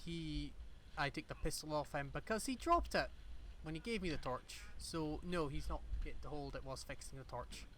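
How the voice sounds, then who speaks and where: A man's voice: fairly high pitch, animated, normal speed, fairly bright tone. A man talks through his own footage in a loose, rambling way. He drops in dry, self-deprecating asides as he goes. A faint hiss sits under his voice. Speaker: airsoft player narrating his own footage. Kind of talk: casual voice-over commentary.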